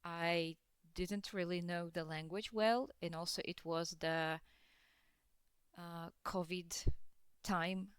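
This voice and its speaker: A young woman from Russia speaking as a podcast guest, pausing often with fillers and laughs between thoughts. Her voice sits a little low and is very clean and clear. The sound is dry and close. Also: steady tone, no room sound. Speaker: guest, dance teacher. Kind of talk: casual podcast interview.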